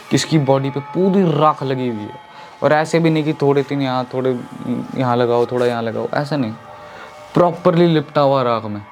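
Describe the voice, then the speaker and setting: A man's voice: mid-range voice, darkish tone. A man telling a horror story in a casual, chatty way, speaking to his listeners as friends. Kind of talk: casual spoken horror narration.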